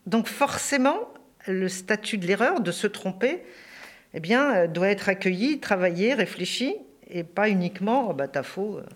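A woman's voice: medium pitch, expressive, moderate pace. A woman educator explaining her views in an interview, thoughtful, with hesitations.

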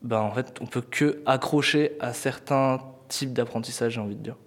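A man's voice: medium pitch, normal speed. A man, a student, answering an interview question hesitantly, searching for words. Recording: long reverb.

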